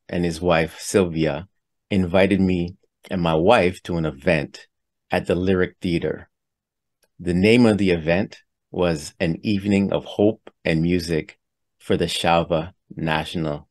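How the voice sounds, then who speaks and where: A man hosts a podcast interview from a home studio, speaking into a headset and mic. His voice is very low, and he talks in an earnest, friendly way as he introduces and questions his guest. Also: a little mellow. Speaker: podcast host.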